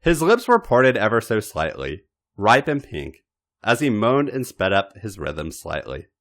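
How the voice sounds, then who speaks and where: Fan fiction is read aloud by a podcast host with a fairly low pitch. His delivery is theatrical and expressive, with pointed emphasis and measured, deliberate pauses.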